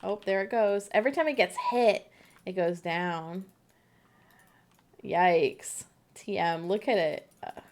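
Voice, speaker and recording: Giggly woman streamer with a creaky edge. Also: mid-range voice, slow, long pauses. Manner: bubbly, giggly, chatty with co-op partner. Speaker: livestreamer. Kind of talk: casual gameplay chat.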